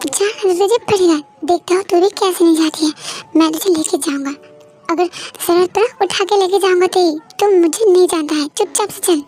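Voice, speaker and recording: A woman's voice: very high-pitched, a little fast, darkish tone, soft background music. A woman voicing a bossy young man who coaxes his friend with firm commands in a fan-fiction story reading. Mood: coaxing. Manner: insistent, coaxing commands.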